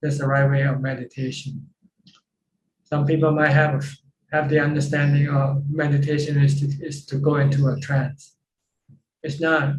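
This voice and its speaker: Flat-voiced monk on a video call. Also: male voice, a little high, moderate pace, slight background noise. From Thailand. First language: Thai. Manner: plain, repeats phrases while explaining. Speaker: Buddhist monk teacher. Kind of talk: dharma Q&A talk. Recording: roomy, dull video call audio.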